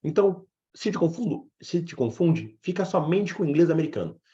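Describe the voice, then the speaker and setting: A man's voice: on the high side, fairly quick, slightly rough, lo-fi sound. A man with a Brazilian Portuguese accent, teaching an English lesson in a live online class and acting out his students' questions. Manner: animated, acts out student questions.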